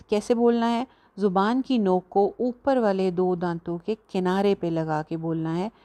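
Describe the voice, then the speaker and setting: A woman teaching a tajweed lesson, patiently explaining and slowly demonstrating each letter sound. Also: mid-range voice, darkish tone. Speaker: Quran recitation teacher.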